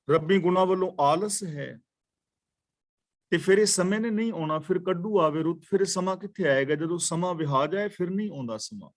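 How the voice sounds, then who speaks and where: A man in his sixties teaches scripture in a katha class, speaking at a slow, measured pace. His voice sits somewhat high for a man, and he repeats key phrases to explain them. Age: 60s. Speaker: katha preacher. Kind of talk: scripture exposition.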